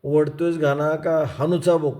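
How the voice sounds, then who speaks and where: A man voicing a domineering village strongman with a whip, who shouts threats in rough rustic speech. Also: fairly high pitch, flat delivery, unhurried, close to an everyday voice. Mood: harsh, commanding.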